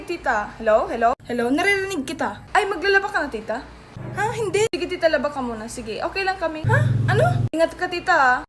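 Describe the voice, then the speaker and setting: A woman performing comic family sketches, bickering in quick back-and-forth exchanges. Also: high voice, a bit bright, slight background noise. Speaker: comedy skit creator.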